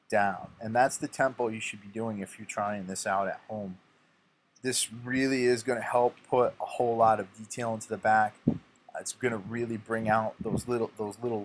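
A man's voice: on the low side, a little hiss or hum. A young man casually narrating his own workout, giving instructive tips with a self-mocking streak.

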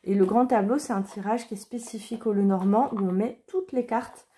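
Woman, casual deck reviewer, hesitant with fillers, mellow tone. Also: mid-range voice, fairly quick, a little hiss or hum. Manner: hesitant, many fillers and restarts. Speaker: card reader and deck reviewer. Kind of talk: casual chat.

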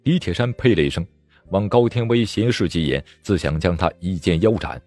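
A man narrating a martial-arts novel as an audiobook, in a dramatic, expressive storytelling manner. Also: low-pitched, a little fast, soft background music.

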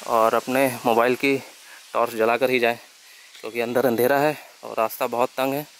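A young man narrates a travel vlog while walking through a forest temple site. His delivery stays level and even. He calls the viewers friends and drops in English words. Faint outdoor ambience sits behind him, caught on a handheld camera mic. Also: medium pitch, normal speed, a little hiss or hum. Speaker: travel vlogger.

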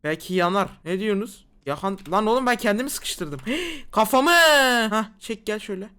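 A woman giving jumpy, excitable let's play commentary on a horror game, full of slangy exclamations. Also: mid-range voice, brisk. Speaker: gamer.

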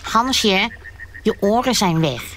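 A woman's voice: medium pitch, expressive, slow pace, fairly bright tone, slight background noise, voice pushed up. A woman voicing a sly, scheming male fox in a children's storybook, sneering and bossy. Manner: sneering, commanding.

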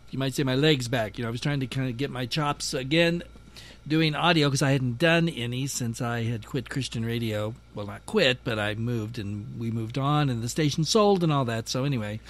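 A man hosting a podcast in a casual monologue, chatty and self-deprecating with a dry, sarcastic humor. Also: fairly high pitch. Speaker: podcast host.

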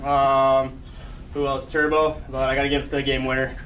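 Even-toned man giving locker-room team shout-outs. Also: mid-range voice, normal speed, recorded from a distance. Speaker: hockey player. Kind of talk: informal post-game team shout-outs. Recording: noisy room, off-mic.

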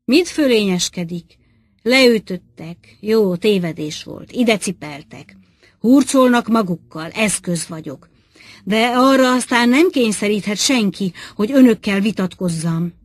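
A woman's voice: mid-range voice, lively intonation, no room sound, natural voice. A woman reading the lines of a captured male architect in an audiobook, protesting sharply. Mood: indignant.

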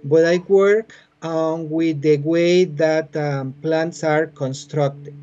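A Costa Rican biologist and university teacher in his forties, with a fairly high voice and a Costa Rican Spanish accent, calmly explains his work in interview answers. He speaks haltingly with many fillers from a home room with bookshelves, and the video call audio from his laptop webcam is muffled.

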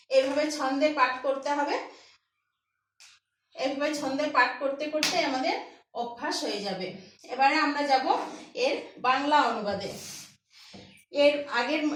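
A woman leads a slow recitation lesson, breaking each word into its sounds before chanting the verse. Her voice sits high and unhurried. It comes from far off the mic in a strongly echoing room. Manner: patient, spells out pronunciation syllable by syllable. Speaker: Gita recitation teacher.

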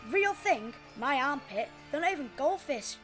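A woman's voice: high-pitched, expressive, normal speed, a bit bright, faint music behind. A woman playing a cheeky, sarcastic schoolboy. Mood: scornful. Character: cheeky young boy, blunt and unimpressed.

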